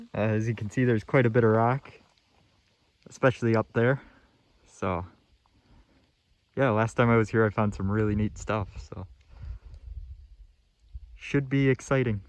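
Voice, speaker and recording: A young man giving casual, laid-back vlog commentary in a plainspoken way as he looks for rocks. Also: mid-range voice. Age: young adult. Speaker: rock hunting vlogger. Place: outdoors in a yard and rock field, or inside a parked van. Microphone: phone at arm's length.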